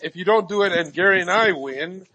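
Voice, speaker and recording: High-voiced man teasing in group chat. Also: fairly quick, bright, forceful tone, rough recording. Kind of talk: casual teasing banter.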